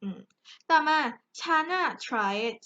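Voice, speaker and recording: A woman's voice: a little high, lively intonation, slow, sharp tone. A young Thai woman teaching an English grammar lesson in a chatty, joking way, addressing her students directly. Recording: dull lo-fi recording.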